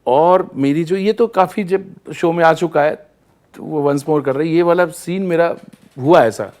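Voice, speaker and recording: A male singer, a guest on a talk show, telling anecdotes in an animated way and often laughing as he goes. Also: fairly high pitch, unhurried. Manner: lively storyteller, acts out scenes and laughs often.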